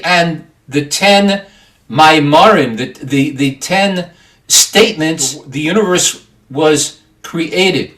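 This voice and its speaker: Casting: man, somewhat high voice, calm teacherly explainer of Torah. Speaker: podcast co-host. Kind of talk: Torah study discussion.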